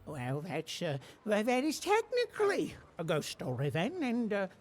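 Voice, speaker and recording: A pompous, dryly critical video game character. The voice is husky and lively in pitch, and the delivery fussy and halting. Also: female voice. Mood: awkward, unimpressed. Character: hesitant, fussy, dryly critical ghost-story enthusiast.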